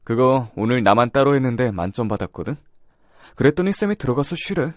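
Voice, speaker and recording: A man's voice: medium pitch, animated, brisk, no room sound, studio quality, close to an everyday voice. A man voicing an outgoing, friendly teenage transfer student in an audio drama, talking in a breezy, teasing way.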